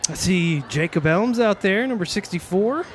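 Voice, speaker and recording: A man calling a local high school football game, chatty and joking with his partner. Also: expressive, moderate pace, slight background noise. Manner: jokey, chatty, laughs often. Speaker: play-by-play announcer.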